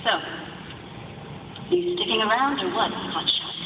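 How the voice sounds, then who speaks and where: A woman playing a sharp-tongued, self-possessed rebel princess, dry and sardonic, in a live audio drama. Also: a little high, animated, unhurried. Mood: cool teasing. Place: large arena stage. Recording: echoey arena, distant, muffled, noisy.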